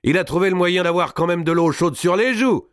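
A man's voice: medium pitch, big pitch swings, moderate pace, no echo, clean studio sound, voice pushed up, lightly acted. A man voicing a cruel medieval knight who taunts in a mocking, gleeful tone.

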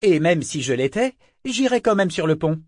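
A man's voice: fairly high pitch, big pitch swings, moderate pace, darkish tone, no room sound, voice pushed up. A man doing a bold, mocking woman. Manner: mocking, blunt.

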